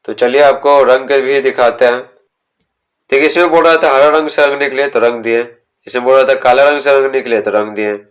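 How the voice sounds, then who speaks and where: Male teacher explaining a textbook, reads English lines slowly, asks and answers his own questions. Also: mid-range voice, fairly even intonation. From India. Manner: slow, deliberate reading of English sentences, then explaining them; asks the students questions and answers them himself.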